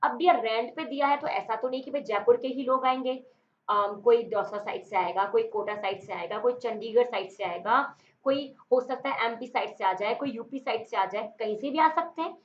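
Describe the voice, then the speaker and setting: A woman's voice: fairly high pitch, a little fast, slight background noise. A woman teaching English vocabulary for exam prep in a chatty, playful way, mixing in English words and explaining memory tricks. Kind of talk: online exam-prep lesson. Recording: dull lo-fi recording.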